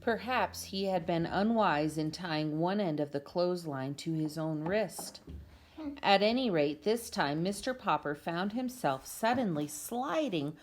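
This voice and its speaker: A woman narrates a children's storybook aloud in a low-leaning, animated voice, taking her time. It's an amateur home video recording with clearly audible background noise.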